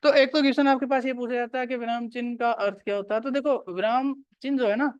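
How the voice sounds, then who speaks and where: A man's voice: very high-pitched, steady tone, fast talker, clear, resonant tone, no room sound, lo-fi sound. A male teacher giving a classroom grammar lecture, repeating key points and quizzing his students.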